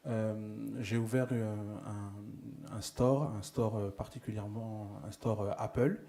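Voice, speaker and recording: A man from France, an entrepreneur, speaking hesitantly with many pauses and fillers at a forum. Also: on the low side, steady tone, mellow. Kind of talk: testimony at a forum.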